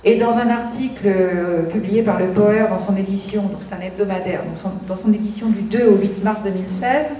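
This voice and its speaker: A woman speaking for an association at a public meeting talks earnestly, dropping ironic asides and often restarting her sentences. Her voice is warm and mid-range, moving at a normal speed with barely any pauses, picked up by a distant mic in an echoey hall with faint background noise.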